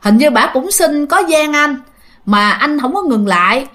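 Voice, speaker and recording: A woman's voice: sits high, lively intonation, a little slow, a bit bright. A woman voicing a cheeky, flirtatious male truck driver who talks in a sleazy, chatty Southern Vietnamese way. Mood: flirty.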